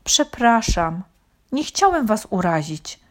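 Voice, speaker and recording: A woman voicing an excitable young male dog in a children's story, eager and a bit timid. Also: medium pitch, slow, voice pushed up. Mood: timid apologetic.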